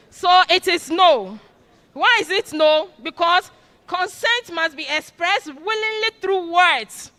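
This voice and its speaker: Woman, orientation lecturer, high ringing voice, prompts the crowd to finish her sentences, long hall reverb. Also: animated, slow, sharp tone. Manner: quizzes audience with fill-in "what?" prompts. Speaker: orientation speaker.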